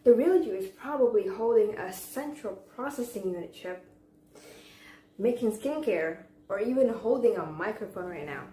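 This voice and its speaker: A young woman delivers a memorized contest speech in a deliberate, theatrical way, with pauses and rhetorical questions. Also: medium pitch, animated, dark tone. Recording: echoey room with faint background noise.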